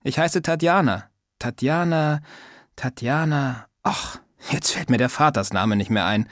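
A man's voice: medium pitch, a little slow, fairly bright tone, no echo, studio quality, natural voice. A man reading an audiobook, voicing an old, talkative, insistent female neighbor in a raised, mock-polite voice. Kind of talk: audiobook character voice.

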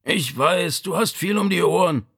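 A man's voice: sits high, normal speed, gravelly, a bit bright, slightly rough, voice pushed up, full character voice. A man voicing a stubborn, injured old father who grumbles in a strained, weak voice. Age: older.

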